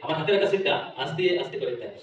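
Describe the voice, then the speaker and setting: Male children's party magician, very fast talker, coaxing patter, echoing hall with audience. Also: a little high, animated, crowd noise. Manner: kids party magician, coaxing children with simple questions and chanted magic words. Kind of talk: live kids' magic show patter. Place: live event stage with audience. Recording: echoey hall, distant PA, audience, dull sound.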